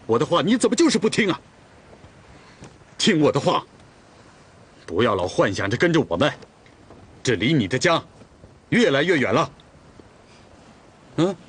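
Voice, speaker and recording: A man's voice: a little high, sing-song, normal speed, pauses often, a bit bright, slight background noise. An actor playing a dutiful young Torghut man who tends the khan's horses, in a period TV drama, firm and reasoning. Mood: exasperated. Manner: firm, reasoning, at times soothing. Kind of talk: television period drama acting.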